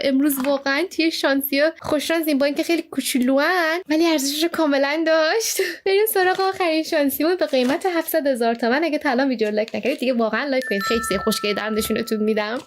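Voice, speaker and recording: A woman chatting to her viewers while unboxing collectible toys, gushing with excitement and calling out to her audience often. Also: sits high, a little hiss or hum. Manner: excitable, gushing, frequent squeals of delight; addresses viewers warmly and often. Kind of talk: casual unboxing chat to viewers.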